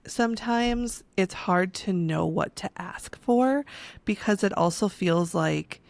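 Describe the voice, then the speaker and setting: A woman's voice: mid-range voice, takes it slowly, vocal fry, darkish tone, no room sound. A woman co-hosting a podcast in casual chat, telling stories in a chatty way with many fillers. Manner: chatty storyteller, lots of likes and you-knows. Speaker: podcast co-host.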